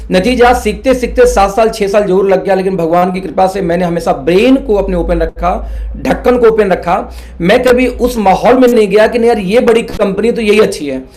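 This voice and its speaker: A man's voice: high voice, a little mellow. A middle-aged man from India, an earnest, persuasive network marketing mentor who mixes English words into his Hindi and addresses listeners as friends. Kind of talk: motivational business talk.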